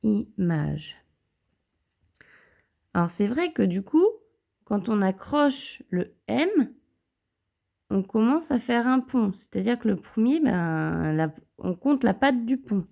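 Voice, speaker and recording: A woman teacher giving a slow handwriting lesson to young pupils, counting each stroke aloud, filmed on her phone at a desk. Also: medium pitch, animated, vocal fry, warm tone. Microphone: phone camera.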